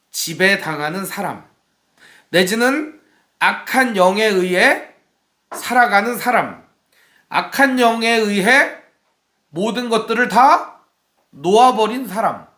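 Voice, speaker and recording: Male pastor, sermon, high voice, questions the congregation, echoey church room. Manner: asks the congregation questions and acts out quoted shouts.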